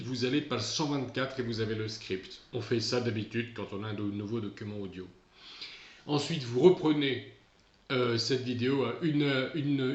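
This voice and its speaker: Teacher explaining slowly in a roomy room. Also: male voice, mid-range voice, a little mellow, muffled recording. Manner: patient, repetitive explaining with restarts. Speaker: English teacher. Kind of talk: recorded remote lesson.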